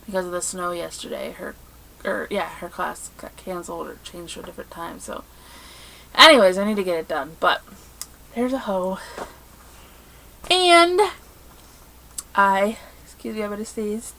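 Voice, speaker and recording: A woman's voice: mid-range voice, moderate pace, gravelly, long pauses, slight background noise, poor audio. Chatty woman on a crafting podcast. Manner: animated, exasperated storytelling with laughs. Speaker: podcast co-host. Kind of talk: casual chat.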